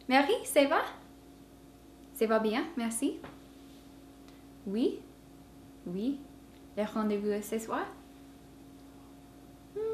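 A young woman, talking in a flat, detached, deadpan way, as in a mock art-film. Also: mid-range voice, a little hiss or hum. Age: young adult. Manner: flat, detached, unhurried delivery. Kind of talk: deadpan art-film narration and phone scenes. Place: house kitchen, indoors.

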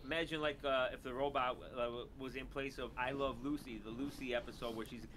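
A man's voice: medium pitch, fairly even intonation, fairly quick, noisy background. A man co-hosting a casual chat, talking loosely with many hesitant fillers.

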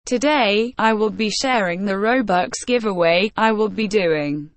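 Synthetic woman host voice, mid pitch, bone-dry, monotone scripted announcements. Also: measured pace, no room sound. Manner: flat synthetic text-to-speech reading. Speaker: gaming channel host.

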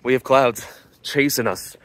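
A young man narrates his own outdoor vlog in a chatty, casual way, speaking straight to the viewers. His voice sits at a middle pitch and is recorded on a handheld phone. Faint outdoor ambience runs behind him. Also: measured pace, fairly bright tone, slight background noise. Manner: chatty, addresses viewers directly. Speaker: host of a metal detecting vlog. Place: outdoors at a beach.

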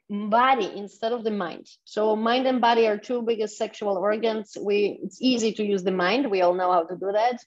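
A woman, a guest on a podcast, who talks enthusiastically and guides listeners step by step. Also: a little high. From Poland. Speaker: guest, sexuality coach. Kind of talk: podcast interview. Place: home in Tulum. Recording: dull lo-fi audio.

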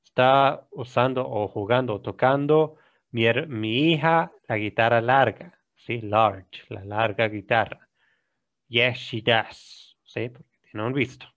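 A man with an Ecuadorian Spanish accent teaching an English grammar lesson, explaining in Spanish, reading examples slowly and often checking "¿sí?". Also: mid-range voice. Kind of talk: recorded classroom lesson. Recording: dull lo-fi recording.

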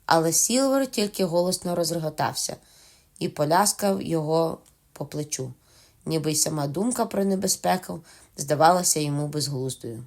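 A woman narrating a novel as an audiobook in a calm, measured reading. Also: low voice.

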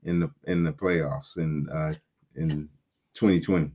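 A man on a basketball podcast video call, posing questions to the others and trailing off quietly. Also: rumbling low, steady tone, a little slow. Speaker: podcast panelist. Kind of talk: casual sports talk. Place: home room on a video call.

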